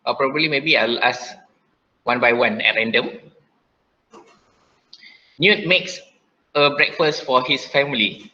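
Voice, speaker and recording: A man's voice: medium pitch, takes it slowly, pauses often, sharp tone, muffled recording. Malaysian man teaching an online class. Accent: Malaysian English. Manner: frequent "okay" fillers, repeats instructions.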